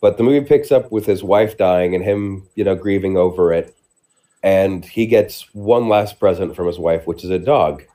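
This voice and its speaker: This podcast co-host chats casually about movies, giving long, rambling explanations and often restarting. His voice sits low and dark, and he talks at a normal speed.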